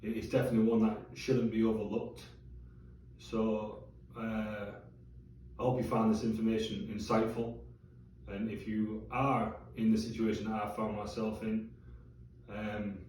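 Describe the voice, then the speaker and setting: A low-voiced man talks in a candid, chatty video-diary way, dropping the odd swear word. His tone is dark and mellow. He is picked up from a distance in a very echoey room with faint hiss behind him. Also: little pitch movement, moderate pace, long pauses. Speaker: vlogger. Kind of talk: casual vlog diary.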